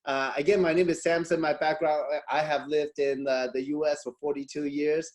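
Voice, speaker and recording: A man's voice: a little high, little pitch movement, normal speed. A middle-aged man from Hong Kong hosting an online webinar over a video call, chatty and full of fillers and restarts. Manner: chatty, many fillers and restarts, frequent laughs. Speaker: webinar host.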